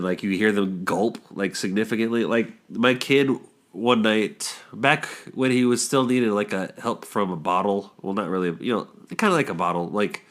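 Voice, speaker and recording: A man in his thirties hosting a podcast in casual, rambling chat, stuffed up from a cold. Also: lowish voice. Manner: rambling, jokey, lots of fillers. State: congested from a cold. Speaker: podcast host.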